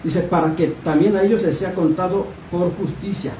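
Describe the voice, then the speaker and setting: Preacher in an echoey church. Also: male voice, sits high, fairly even intonation, moderate pace, mellow. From Mexico. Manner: questioning the congregation, reading scripture aloud. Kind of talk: Bible study sermon. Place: church hall. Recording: echoey room, distant mic, background noise.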